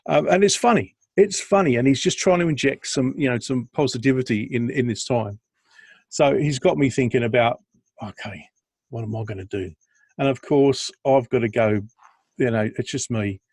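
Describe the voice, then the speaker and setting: A man's voice: mid-range voice, moderate pace, a little mellow, slightly rough, no echo. Chatty man telling stories. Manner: chatty storyteller, self-deprecating, laughs a lot. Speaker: podcast co-host. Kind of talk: casual chat on a video call.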